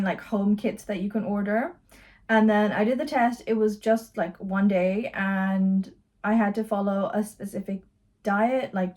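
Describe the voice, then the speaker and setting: A young woman chatting to her viewers in a loose, rambling way. She fills gaps with easy fillers and keeps an ordinary middle pitch throughout. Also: darkish tone. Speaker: vlogger. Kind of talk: casual chatty vlog talk.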